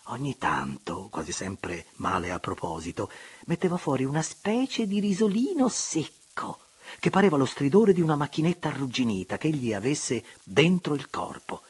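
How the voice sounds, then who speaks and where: A man narrating a literary audiobook in an expressive, measured way. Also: mid-range voice, breathy edge. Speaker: audiobook reader.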